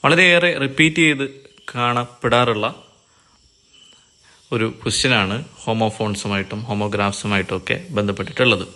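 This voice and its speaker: A man with a Malayali accent teaching an English exam lesson, explaining in Malayalam and reading English definitions slowly. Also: lowish voice, fairly even intonation, bright, forceful tone. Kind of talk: recorded online lecture.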